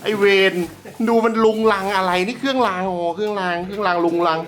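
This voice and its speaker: A man hosting a casual vlog from around a house, excitable and joking, swearing freely and talking straight to his viewers. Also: sits high, fast. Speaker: YouTube host.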